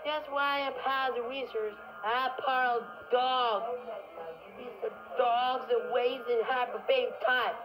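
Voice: medium pitch, steady tone, slow, over music. A person rambling casually and swearing a lot. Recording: noisy background.

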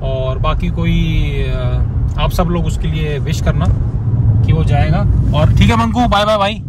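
Young man, high-ish voice, casual rambling vlog chat, inside a car at night, loud road noise. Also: measured pace. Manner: chatty, rambling, playful. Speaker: vlogger.

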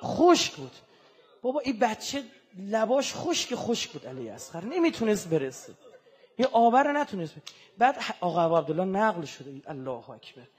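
A man giving an impassioned religious sermon, moving from hushed, mournful passages to loud, fervent outbursts. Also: sits high, very animated, slightly rough. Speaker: religious speaker.

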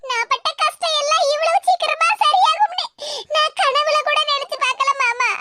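A performer voicing a meek, gentle young daughter-in-law in a cartoon, soft and polite, with a southern Tamil Nadu accent. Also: extremely high pitch, normal speed. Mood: timid. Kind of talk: cartoon voice acting. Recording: loud background noise.

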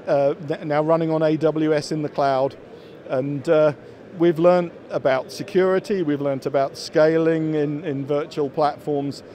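Holding forth on his company's products, a fiftyish executive answers questions at a crowded trade show, the interviewer's handheld microphone picking him up. His fairly high voice is warm, and his speech is full of restarts and repeated words.

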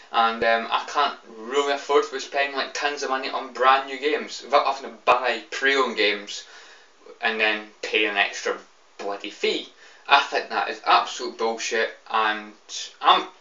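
A man's voice: medium pitch, steady tone, moderate pace, sharp tone. A young British man, tipsy and annoyed, giving a rambling, repetitive, sweary off-the-cuff rant to a camera. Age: young adult. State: tipsy, drunk. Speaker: video game fan giving opinions. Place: small room indoors. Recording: roomy, distant, slightly dull webcam sound.

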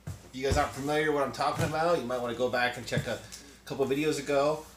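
A man's voice: mid-range voice, fairly even intonation, quick pace. A man in his forties hosting a casual unboxing vlog, talking bluntly and swearing freely, recorded by a camera on the desk in his collectibles room. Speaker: unboxing channel host. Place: cluttered collectibles room indoors. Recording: roomy echo, faint background noise.

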